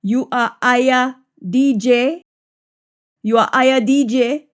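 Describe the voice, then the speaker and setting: Female language teacher, Jamaican Patois, slightly high voice, very unhurried, repeats example sentences deliberately. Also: steady tone, clear, resonant tone. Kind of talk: Jamaican Patois lesson, practice sentences said in English then repeated in Patois.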